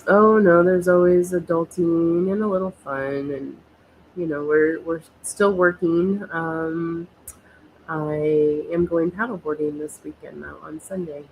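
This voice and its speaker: Brief: American female host, stuffy nasal cold voice, vocal fry, meandering, filler-heavy delivery. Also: lowish voice, steady tone, unhurried, phone-quality sound, a little hiss or hum. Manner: rambling, hesitant, many fillers. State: has a cold. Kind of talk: casual conversational talk.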